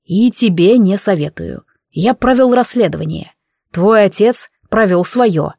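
A woman reading the lines of a calm, firm and tender lord in an audiobook. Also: medium pitch, measured pace, creaky, no echo, studio quality. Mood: steady. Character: large calm lord, steady husband.

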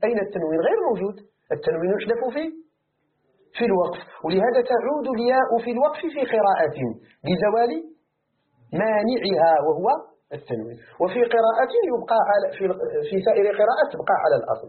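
A man's voice: sits high, quick pace. A man with a Moroccan accent teaching a Quran commentary lesson, who asks his students questions and answers them himself. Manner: animated, rhetorical questions to students. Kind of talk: classroom tafsir lesson. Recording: tinny phone-like recording.

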